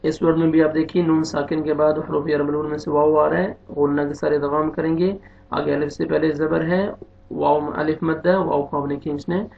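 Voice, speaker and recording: A man teaching beginners to read the Quran, spelling out letters and vowel marks one by one, with quicker, quieter explanations of the rules. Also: on the high side, level tone, vocal fry, narrow, tinny audio. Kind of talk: slow spelled-out recitation lesson.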